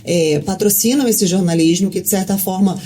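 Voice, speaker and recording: Guest journalist, woman, mid-pitched, mellow tone, talkative storytelling. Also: normal speed. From Rio de Janeiro, Brazil. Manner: talkative, lots of fillers and restarts. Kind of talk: casual interview chat.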